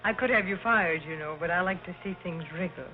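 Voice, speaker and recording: A spoiled young rich woman played by an actress, imperious and haughty, fires off screwball comedy banter in 1930s film manner. The old soundtrack is dull, with clear music behind her. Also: fairly low pitch, brisk, close to an everyday voice. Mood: menacing.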